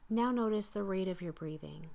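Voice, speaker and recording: A woman guiding a slow breathing meditation in a calm, soothing voice, often sinking into soft whispers. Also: medium pitch, vocal fry. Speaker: meditation guide.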